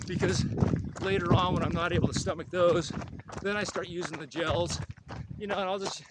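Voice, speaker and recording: Podcast guest, man, easygoing and full of fillers, higher voice, audible noise behind. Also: fairly even intonation, brisk. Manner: easygoing, lots of ums and you-knows. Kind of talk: casual conversational advice. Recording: noticeable background noise.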